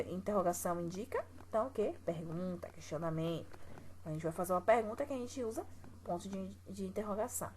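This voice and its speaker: A woman's voice: mid-range voice, slight background noise, poor audio. A woman teacher with a Brazilian Portuguese accent, patiently walking students through exercises step by step and asking them rhetorical questions. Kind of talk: recorded classroom lesson.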